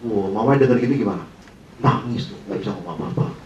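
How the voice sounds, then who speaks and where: A man's voice: fairly low pitch, fast talker, darkish tone, slight background noise. A man leading a sales training, telling a dramatic story and asking the audience questions, heard in a dull, roomy recording from a distant mic.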